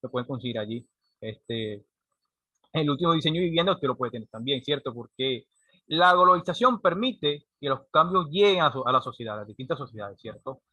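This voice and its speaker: A man's voice: medium pitch, animated, brisk, pushed and bright, husky, no echo. A man, giving a classroom lecture and often checking in with a rhetorical "right?". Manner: explanatory, frequent rhetorical "¿cierto?" checks. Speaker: teacher.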